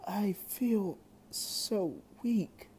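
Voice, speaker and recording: Young reader doing an exhausted young woman, soft and faint, slow, dark tone. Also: medium pitch, expressive, slight background noise, pitched above the performer's own voice. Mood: weak.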